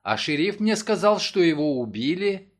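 A man's voice: very animated, moderate pace. A man voicing a frightened young widow who speaks in a trembling, raised voice. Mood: excited. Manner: trembling, higher voice.

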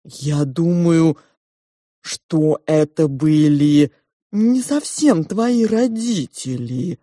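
Lady putting on a slow pompous pig with two heads, low-key dark voice, drags every word. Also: lively intonation, no room sound, clean studio sound, heavily acted. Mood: ponderous. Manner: slow, ponderous, drawn-out speech. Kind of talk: audiobook character voice.

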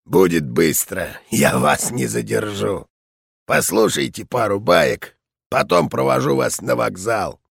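Man voicing an old general, hoarse, gruff, bellicose, gravelly, audiobook character. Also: mid-range voice, sing-song, takes it slowly, no echo, clean studio sound, exaggerated voice. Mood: hearty. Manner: blustering, shouting.

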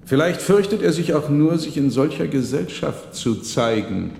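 A man voicing a sinister, uninvited monk who declaims in a loud, raised voice. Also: on the high side, expressive, moderate pace, gravelly, a little hiss or hum, pitched above the performer's own voice. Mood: ominous. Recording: roomy reverberant hall.

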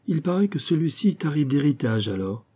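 Scornful sharp-tongued young mother, read by a man in a dark, husky audiobook voice. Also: on the high side, sing-song, brisk, pitched above the performer's own voice. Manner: mocking, exasperated.

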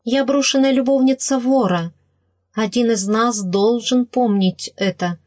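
A woman's voice: on the high side, a little slow, a little mellow, no room sound, clean studio sound, pitched above the performer's own voice. A woman voicing a sorrowful, wronged young woman.

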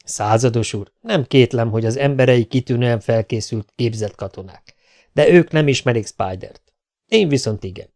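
A man's voice: mid-range voice, darkish tone, lightly acted. A man reading an audiobook, voicing an earnest, determined male lieutenant.

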